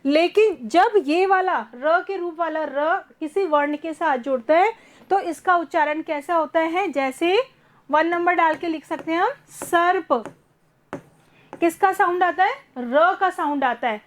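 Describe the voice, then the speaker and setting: A woman teaching a first-grade class online, patiently repeating words slowly for young children. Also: very high-pitched. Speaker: primary school teacher.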